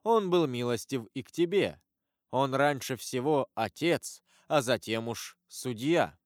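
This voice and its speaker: A man voicing a stern, solemn avenger disguised as a priest, speaking gravely and in measured sermons. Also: mid-range voice, animated, no room sound, clean studio sound, lightly acted. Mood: preaching.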